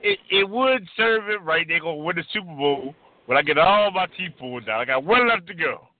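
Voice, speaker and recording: A toothless middle-aged man, speaking high with mushy, stroke-altered articulation. He is a boisterous radio caller who repeats himself emphatically. The sound is a tinny, narrow phone line. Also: very animated, a little fast, no room sound. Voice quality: altered speech after a stroke. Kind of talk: excited casual sports chat.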